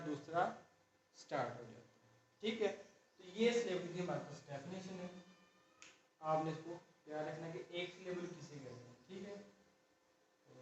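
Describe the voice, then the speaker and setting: A man teaching a shorthand class, explaining step by step and often checking in with the students. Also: high voice. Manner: slow, explaining step by step, repeating "ठीक है" often. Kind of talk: classroom lesson. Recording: dull far-off echoey room recording with faint noise.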